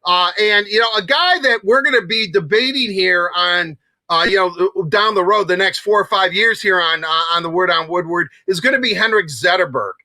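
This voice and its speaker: High, bright-voiced excitable sports host. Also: male voice, normal speed, dry recording. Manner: excitable, rambling with many restarts. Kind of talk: casual sports talk.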